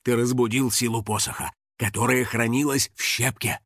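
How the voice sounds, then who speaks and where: A man voicing a solemn old male house-spirit elder, speaking in slow, grave, measured words. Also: medium pitch, fairly even intonation, a bit bright, dry recording, clean studio sound, pitched below the performer's own voice.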